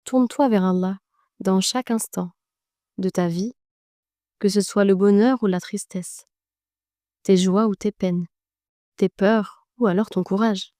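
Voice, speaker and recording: A woman narrating a guided meditation in a slow, gentle and soothing way, speaking directly to the listener. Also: mid-range voice, fairly even intonation, no echo, clean studio sound.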